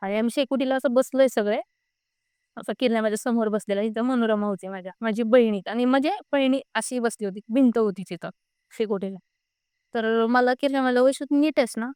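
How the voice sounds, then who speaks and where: A woman's voice: a little high, brisk, smooth, dry recording, studio quality. A young woman casually recounting her own frightening experience, retelling what everyone said in quoted bits. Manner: animated retelling with repeated quoted speech. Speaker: guest telling her own ghost experience. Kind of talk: casual spoken storytelling.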